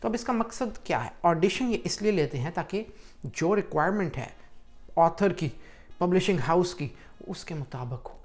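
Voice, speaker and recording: A man's voice: high voice, expressive, normal speed. A man hosting a casual screen-walkthrough tutorial, chatty and encouraging as he talks straight to the viewer. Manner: chatty and pep-talking, addresses viewer as brother. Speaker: YouTube tutorial host.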